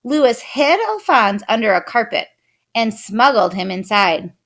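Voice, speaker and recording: A woman expressively reading a children's picture book aloud. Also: fairly high pitch. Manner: expressive, unhurried. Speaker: storyteller.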